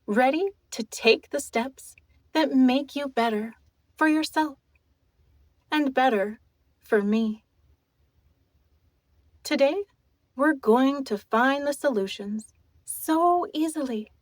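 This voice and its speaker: Softly and intimately, a high-pitched woman leads a guided trance, her soothing, deliberate voice gently commanding and mesmerizing. No room sound can be heard.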